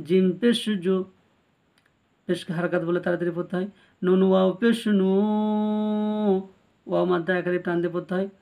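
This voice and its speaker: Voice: medium pitch, level tone, brisk, gravelly, long pauses, mellow. A Quran reading teacher giving a spelling-out recitation lesson. The teacher spells each letter and vowel mark, then draws out the joined syllables, and speaks directly to the viewers.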